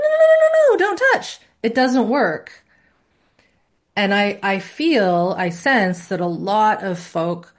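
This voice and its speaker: A woman instructor teaching a live class in a conversational way, often checking in with her students. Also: lowish voice. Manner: conversational, asks the class questions, demonstrates voices. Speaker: course instructor.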